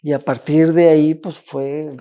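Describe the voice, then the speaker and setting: A man, telling his own story as a podcast guest, halting, with restarts and repeated words. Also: a little high, level tone, dark tone, smooth. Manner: halting, with frequent restarts and repetitions. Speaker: interview guest. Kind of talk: personal testimony in a podcast interview.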